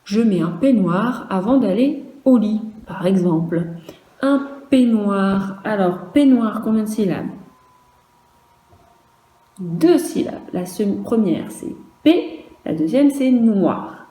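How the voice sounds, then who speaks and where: Slow, dark-voiced woman teacher. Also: mid-range voice, lively intonation, echoey room, low-quality recording. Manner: slow and careful, spelling out letters one by one and repeating each word. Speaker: primary school teacher. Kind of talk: virtual dictation lesson for young children.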